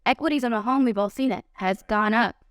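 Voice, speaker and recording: Female insurance agent guest, higher pitch, direct and persuasive, dry close sound. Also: fairly quick, clear, resonant tone, dry recording. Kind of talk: casual chat.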